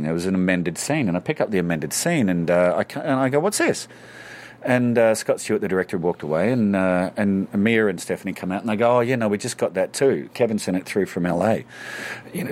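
A man, an actor telling stories in a casual interview. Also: on the low side. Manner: animated anecdote teller. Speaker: actor guest.

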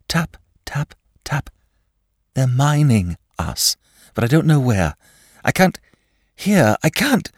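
A man's voice: mid-range voice, husky, no echo, clean studio sound, pitched above the performer's own voice, full character voice. A man voicing a shell-shocked young aristocrat, frantic and shivering, his voice climbing in panic. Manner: frantic, rising to cries. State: shivering, teeth chattering.

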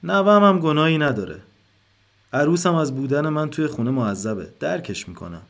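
A man voicing a dignified elderly grandmother who speaks calmly and formally. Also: fairly high pitch, voice pushed up. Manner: careful formal speech, soft and gentle. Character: calm elderly grandmother, dignified then wild.

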